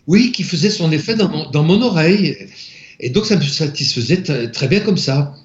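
A man from France, an interview guest, softly recounting a personal spiritual experience, halting and searching for his words. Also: a little high, animated. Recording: echoey, slightly dull room recording.

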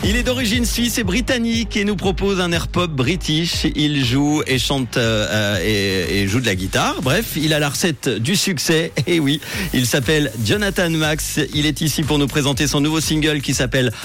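A man's voice: fairly high pitch, moderate pace, fairly bright tone, faint music behind. A man hosting a radio interview from a studio. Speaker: radio host.

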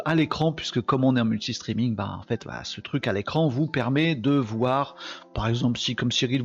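A man's voice: medium pitch, highs cut off. A tired man hosting a daily live stream, chatting casually and joking with viewers he greets by name.

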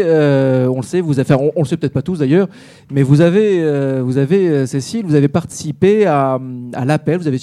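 A man's voice: fairly high pitch, warm tone. Effusive male talk show host. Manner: effusive, flowery compliments. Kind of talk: live web talk show introduction. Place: studio with live audience.

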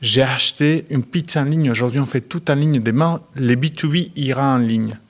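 A middle-aged man, a guest on a radio interview, who talks haltingly with many restarts and fillers. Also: mid-range voice. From Argentina. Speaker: guest, company director.

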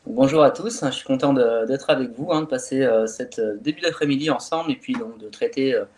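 A man's voice: mid-range voice, a little fast. Chatty French fitness coach, man. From northern France. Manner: relaxed, chatty, many fillers. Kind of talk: casual webinar talk.

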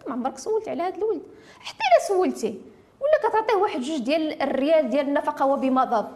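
Rapid, high-pitched Moroccan Arabic woman. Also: big pitch swings, darkish tone, slight background noise. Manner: emphatic, insistent, piling up rhetorical questions. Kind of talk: impassioned discussion of family law.

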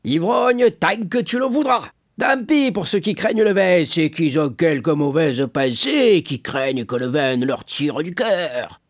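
A man's voice: expressive, unhurried. A man voicing a boisterous drunken tavern companion in an audiobook reading, with a slurred, boastful manner and a raised voice. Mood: tipsy boasting. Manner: slurred, boisterous, high-pitched.

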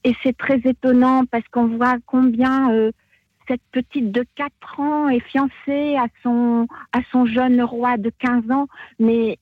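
High-voiced woman on a dull phone line. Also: fairly even intonation, no echo. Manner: hesitant, halting, searching for words. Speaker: radio phone-in caller. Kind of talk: casual, spontaneous chat. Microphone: telephone. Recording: dull telephone call into radio.

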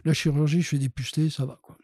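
A man in his sixties from France, a dental surgeon and guest, telling animated anecdotes with frequent laughs and hesitant fillers. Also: on the high side, quick pace, breathy edge, no room sound, studio quality. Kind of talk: casual storytelling interview.

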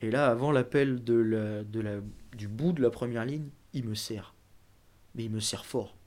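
A man's voice: mid-range voice, moderate pace, darkish tone. Give me a young man around nineteen telling his story in a casual interview, rambling with lots of fillers and restarts. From France. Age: 19, young adult. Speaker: guest, junior BMX racer.

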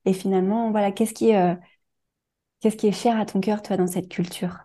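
A woman hosting a podcast, asking her guest friendly questions in a gentle, conversational way. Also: medium pitch, steady tone, moderate pace. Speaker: podcast host. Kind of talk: casual interview.

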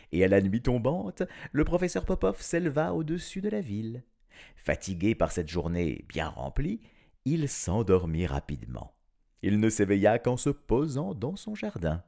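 A man reading a children's story aloud in a playful, animated way, with chuckling asides. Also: lowish voice, a little slow, creaky.

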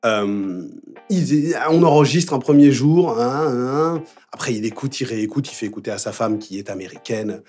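A man's voice: medium pitch, animated, moderate pace, a little mellow, breathy edge, soft background music. A man in his forties from Paris, a theme-song singer chatting as a guest and telling stories with frequent laughter. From France, Paris. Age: 40s. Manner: chatty storyteller who laughs often. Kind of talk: casual chat.

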